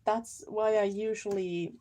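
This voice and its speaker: Over the click of crafting tools, a woman from Finland talks to her live-stream viewers as she makes cards, sometimes pausing to find the right word. Her Finnish-accented voice is medium-pitched, dark, steady and unhurried, and the chat stays casual.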